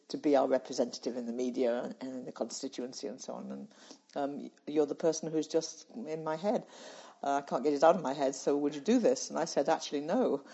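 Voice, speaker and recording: Her voice sits low, mellow with a breathy edge: an older woman from the UK who once served as a charity president, now a guest in an interview. She reminisces through stories and laughs readily, captured on slightly muffled, lo-fi audio.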